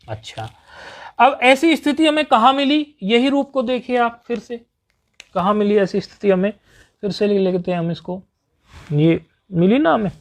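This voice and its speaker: Guy explaining sanskrit grammar rules slowly, says stuff twice, keeps asking if you got it. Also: high voice. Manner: patient, repeats each point and checks understanding.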